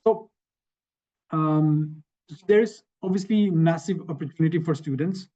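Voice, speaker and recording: A man from Sweden talks through his slides on a video call, casual and conversational, often restarting phrases and asking "right?". His voice sits a little high but sounds mellow and dark. The call audio is dull and lo-fi. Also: unhurried, husky. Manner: conversational, repeats himself, frequent "right?". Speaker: panel speaker. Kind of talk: webinar talk with slides.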